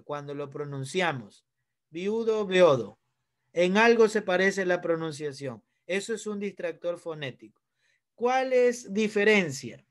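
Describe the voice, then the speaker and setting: A male teacher with an Ecuadorian accent explains vocabulary to his students and keeps asking them questions. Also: sits high. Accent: Ecuadorian Spanish. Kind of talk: online class lesson.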